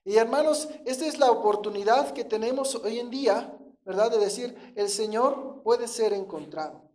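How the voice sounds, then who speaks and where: A man's voice: extremely high pitch, moderate pace, darkish tone. A man preaching a sermon, questioning the congregation and answering himself in a conversational teaching tone. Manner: asks the congregation questions and answers them, often adding a checking "¿verdad?"; illustrates with everyday examples in a conversational teaching tone.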